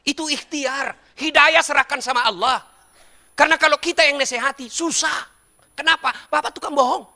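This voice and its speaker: A man's voice: very high voice, fairly even intonation, normal speed, bright, forceful tone. A middle-aged man preaching a humorous sermon and teasing his audience directly with jokes.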